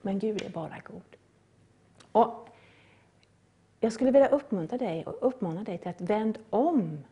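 Woman, sermon, husky, earnest, repeats for emphasis, rising appeals. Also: mid-range voice, lively intonation, dark tone. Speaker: preacher.

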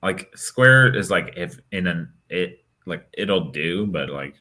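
Young male podcast co-host, extremely low voice, loose unscripted chat full of "like" and "you know". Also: lively intonation, slow pace, sharp tone. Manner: rambling, lots of fillers and restarts. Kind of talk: casual chat.

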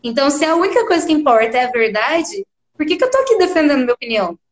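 High-voiced, effusive Brazilian woman. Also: very animated, very fast, reverberant. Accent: Brazilian Portuguese. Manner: effusive, emphatic, speaks loudly. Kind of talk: casual conversation.

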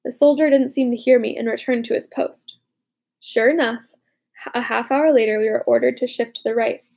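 A woman narrating a war story as a young soldier, with dramatic, hushed, urgent delivery in the dialogue. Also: fairly high pitch, fairly even intonation, brisk, creaky. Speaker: narrator voicing a boy soldier. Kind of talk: audiobook narration.

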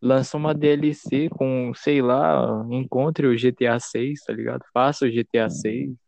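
A man's voice: mid-range voice, steady tone, normal speed, creaky, a little mellow, no echo. A young man with a Brazilian Portuguese accent, chatting informally with slang and swearing. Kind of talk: casual chat.

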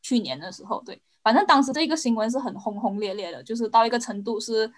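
A woman's voice: a little high, animated, fast talker. A woman in a casual discussion, searching for words and dropping English into her Mandarin. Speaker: podcast co-host.

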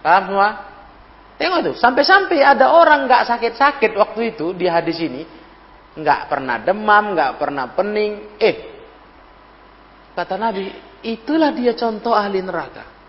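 A man's voice: expressive, moderate pace, pauses often. A man giving a sermon as a religious teacher, asking his listeners rhetorical questions and acting out the people he quotes. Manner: acts out quoted speakers with sudden pitch jumps. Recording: dull lo-fi recording in a reverberant hall.

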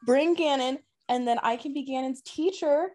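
A woman's voice: sits high, moderate pace, darkish tone. A young adult woman co-hosting a podcast in casual chat, bubbly, playful and gushing. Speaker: podcast co-host.

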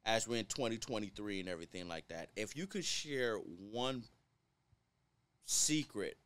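A man's voice: lowish voice, lively intonation, measured pace, fairly bright tone. A man hosting a casual podcast interview, talking in a colloquial, wordy way and often checking in with little tag words. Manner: colloquial, wordy, peppered with tags like 'right' and 'you know'. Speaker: podcast host.

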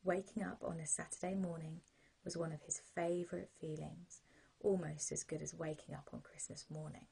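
A British woman serves as a sleep story narrator, guiding the listener gently and without hurry. Her voice is low-set and very breathy, with a soft, mellow warmth. The delivery is calming bedtime storytelling for children. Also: rough recording. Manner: gentle, calming, unhurried guidance.

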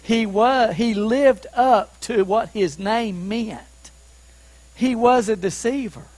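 A man preaching a sermon as pastor, who asks the listeners questions and rises to emphatic shouts on key points. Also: sits high, slow pace, dry recording, low-quality recording. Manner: asks the congregation questions to keep them following.

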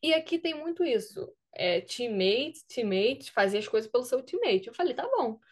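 Young woman from Brazil, lively storyteller, slightly high voice, casual interview. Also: moderate pace. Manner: animated, lively retelling with quoted dialogue. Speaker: guest, student athlete.

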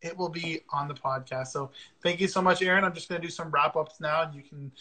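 A man's voice: a little high, steady tone, a little fast, sharp tone, low-quality recording. A man hosting a casual livestream interview over a video call, upbeat and chatty with frequent fillers. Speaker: podcast host.

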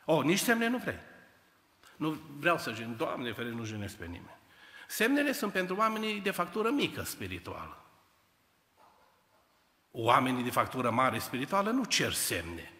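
A man preaching a sermon, telling the story in an animated way and speaking straight to the congregation. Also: medium pitch, long reverb tail. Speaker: pastor. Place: church hall.

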